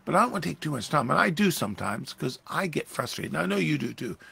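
Gravelly, husky pastor. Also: male voice, on the high side, fast. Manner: conversational, animated, acting out Jesus' lines with raised voice. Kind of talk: Bible study teaching.

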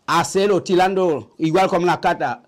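Older Haitian man, high voice. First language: Haitian Creole. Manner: halting, repetitive storytelling. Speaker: vodou priest. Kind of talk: interview. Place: small indoor shrine room.

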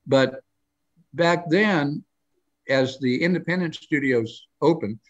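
A man's voice: on the high side, slow pace, muffled recording. Older male guest, chatty storyteller, meandering delivery, pops up for quoted bits. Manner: rambling anecdotal storytelling with many restarts; acts out quoted lines in a raised voice. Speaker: guest storyteller on a live show. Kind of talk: casual live interview chat.

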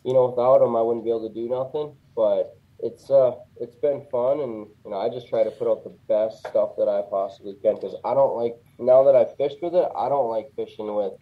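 A man speaks in a relaxed, plainspoken way, filling his talk with "you know". His voice comes through a thin, tinny, phone-like line from a remote call. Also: medium pitch, fairly quick, hardly any pauses. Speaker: guest, custom fishing rod builder. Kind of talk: casual interview.

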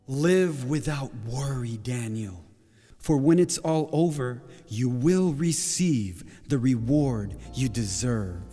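An actor playing a calm, solemn angel on stage, speaking in a measured, reassuring way. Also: male voice, mid-range voice. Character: calm, solemn male angel sent by God. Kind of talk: projected stage drama acting. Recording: long hall-like reverb. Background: music.

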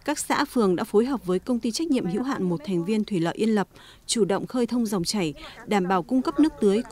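A woman reading a scripted news voice-over in a steady, formal manner. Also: medium pitch, fast talker. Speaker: news narrator.

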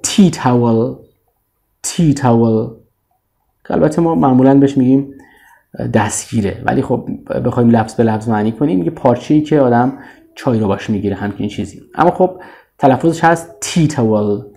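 A man who speaks Persian as his first language, teaching English kitchen vocabulary with a Persian accent. He stretches out each model word slowly and lets it fall low at the end, then asks learners to repeat after him. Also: expressive, gravelly, warm tone. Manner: slow, drawn-out model words, often trailing off low.

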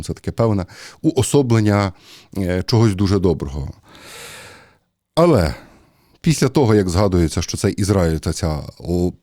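A man with a low, mellow voice preaches a homily in an easy, talky way. He stops often with fillers as he thinks aloud. The sound is close and dry, with no room echo. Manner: conversational, hesitant with many fillers. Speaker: priest. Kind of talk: sermon.

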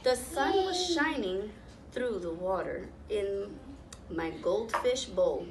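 Her medium-pitched voice expressive, a thirty-something volunteer reads a picture book aloud to young children, breaking off to explain things and quiz them. She's indoors on the floor of a small classroom, and a camera a few metres away captures roomy, distant sound with noticeable background noise.

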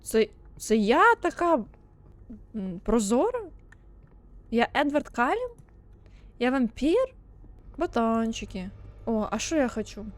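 A woman's voice: fairly high pitch, big pitch swings, slow pace, long pauses. A woman streamer giving let's play commentary, sarcastic and swearing as she mocks the game's baby. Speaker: gaming streamer.

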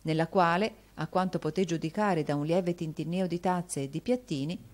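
Woman reading an audiobook, kinda low voice, does all the characters herself. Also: moderate pace. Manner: reads all the characters' dialogue herself, lifting her voice for them. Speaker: audiobook narrator. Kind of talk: scripted narration.

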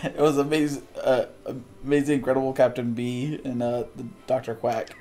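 A man's voice: mid-range voice, level tone, a little fast, mellow, soft background music. A man playing a video game and chatting casually as he goes. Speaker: let's play player. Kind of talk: casual gaming chat.

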